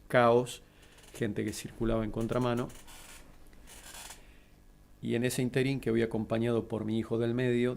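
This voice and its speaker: Low, flat-voiced Argentine man. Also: vocal fry. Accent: Argentine Spanish. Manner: measured, steady, composed. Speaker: interview guest. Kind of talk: recounting a personal tragedy.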